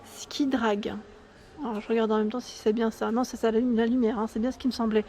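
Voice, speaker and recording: A woman's voice: fairly high pitch, level tone, quick pace, a little mellow, a little hiss or hum. A woman giving an enthusiastic, chatty walkthrough vlog in a furniture store showroom, often tagging "hein" and correcting herself. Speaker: YouTube vlogger.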